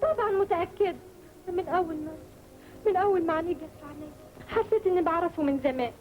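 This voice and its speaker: An actress with an Egyptian accent playing a chatty, lovestruck young student in a 1950s film. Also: female voice, very high voice, racing. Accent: Egyptian Arabic. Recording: dull 1950s film soundtrack with music.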